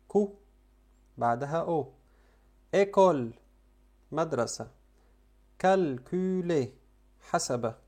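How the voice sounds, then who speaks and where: A man whose first language is Arabic, teaching French pronunciation and slowly repeating each sound and word. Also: mid-range voice, darkish tone. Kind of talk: language lesson.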